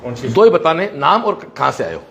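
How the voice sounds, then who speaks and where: A man's voice: on the high side, very animated, a little fast, creaky, fairly bright tone, highs cut off, slight background noise. A man walks through a school, chatting with students and talking to the camera. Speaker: coaching and school founder touring his campus. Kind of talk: live walkthrough vlog. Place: school classrooms and corridors.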